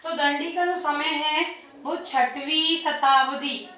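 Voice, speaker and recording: A woman's voice: sits high, fairly even intonation, slow, sharp tone. A woman teaching an exam-prep lecture, posing questions to the class and answering them herself, repeating key points. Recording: echoey room, distant mic.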